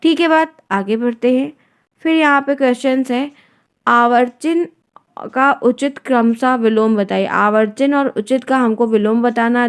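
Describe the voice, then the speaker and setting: A woman's voice: fairly high pitch, smooth. A woman teacher explaining exam questions step by step and often checking in with her students. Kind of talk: exam-prep lesson.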